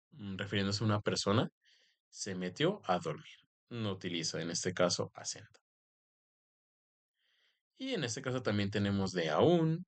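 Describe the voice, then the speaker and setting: A man, a teacher explaining rules step by step and often filling pauses with the same stock phrase. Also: lowish voice, a bit bright. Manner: explanatory, repeats "en este caso" as a filler. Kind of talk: recorded grammar lesson.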